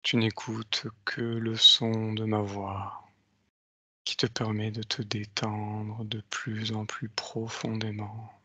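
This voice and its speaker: A man speaking as a hypnotist in a slow, soothing, spaced-out voice, guiding someone into deep relaxation. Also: completely flat delivery, sharp tone, dry recording. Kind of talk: slow guided hypnosis induction.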